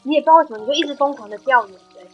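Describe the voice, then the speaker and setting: Her voice sits high and moves very fast, the audio dull with faint music underneath. She's a woman guest on a talk podcast recounting a personal spiritual story with earnest emotion, her quoted dialogue soft-spoken.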